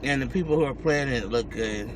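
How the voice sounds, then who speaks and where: A man's voice: mid-range voice, fairly quick, noisy background. An American man talking casually to his viewers as he eats, chewing between and during his words. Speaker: mukbang vlogger. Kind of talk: casual chat to viewers while eating.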